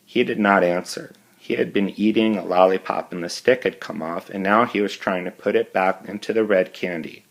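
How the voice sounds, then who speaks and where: A man's voice: sits low, normal speed, gravelly, few pauses, poor audio. A male teacher reading a novel aloud to his class, breaking off for friendly asides to his students.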